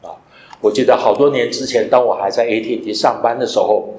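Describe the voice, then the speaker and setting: A man's voice: mid-range voice, a little fast, darkish tone, slight background noise. A man preaching a sermon, teaching and asking his listeners rhetorical questions, mixing English phrases into his talk. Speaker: pastor. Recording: echoey room.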